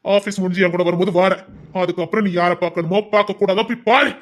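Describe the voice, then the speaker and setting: A man's voice: high-pitched, flat delivery, fast. A man playing a stern, insistent husband who scolds his wife in a colloquial family drama.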